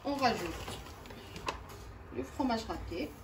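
A cooking channel host walks viewers through a recipe step by step from her home kitchen, chatting straight to the camera. Her voice is a little high and expressive, and she speaks slowly over background noise.

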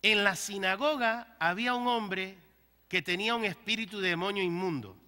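A male pastor preaching a sermon to his congregation, leading call-and-response and breaking into loud bursts. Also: sits high, moderate pace, long reverb tail.

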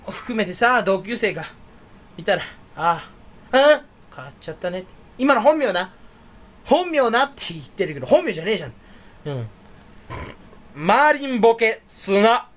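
A man's voice: high-pitched, a bit bright, slight background noise. A man talking alone in a casual chat stream, his voice leaping up and down all the time. He rambles from thought to thought, makes fun of himself, and trips over repeated syllables as he plays with words. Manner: rambling, self-mocking, playful wordplay. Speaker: channel host.

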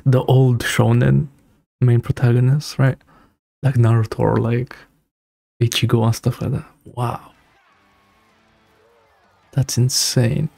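The voice is gravelly, dark and slightly rough, medium in pitch, belonging to a young man doing slangy, casual reaction commentary as a streamer. He's indoors in a small home room, speaking into a close broadcast mic on a boom arm, and the recording is dry. Music from the video he's watching can be heard underneath.

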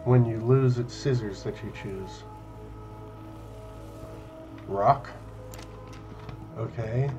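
A young man doing casual game commentary, deadpan and wry. He takes his time, and the sound is dull, with faint music behind. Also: medium pitch, very slow, long pauses. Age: young adult. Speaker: video game streamer. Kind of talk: casual let's play commentary. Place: small room indoors. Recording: band-limited, dull webcam-setup audio.

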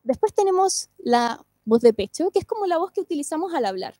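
A woman, a singing teacher and speech therapist, giving an online lecture in a clear, explanatory way and often checking that listeners follow. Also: very high-pitched, big pitch swings, brisk, mellow, no room sound, studio quality.

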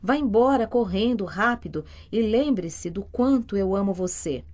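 A woman voicing a grief-stricken dying father who speaks soft and tender in an audiobook. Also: mid-range voice, lively intonation, moderate pace, natural voice.

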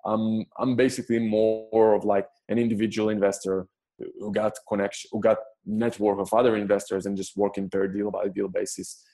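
A soft-toned Israeli man, a business investor appearing as a podcast guest, answers casual interview questions. His voice is on the low side with little pitch movement, and his speech is halting, full of restarts, stammered repeats and non-native phrasing.

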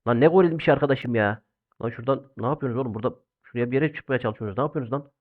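A young man doing loud, exclamatory let's-play commentary while playing an online game, swinging between shouts and low muttering. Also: very fast. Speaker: gaming YouTuber. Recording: phone-like narrow band.

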